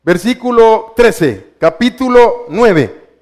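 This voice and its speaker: A man preaching in a high, unhurried voice, teaching rather than shouting. He keeps stopping to quiz his listeners with questions and repeats key words again and again, drawing each point out slowly. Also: lively intonation. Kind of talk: teaching sermon.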